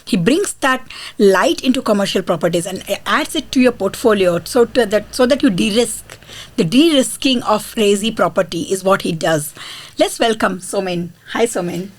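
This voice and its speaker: A woman's voice: medium pitch, expressive, normal speed. A woman hosts a podcast interview in a mid-range voice. She is effusive and encouraging as she introduces and questions her guest. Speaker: podcast host.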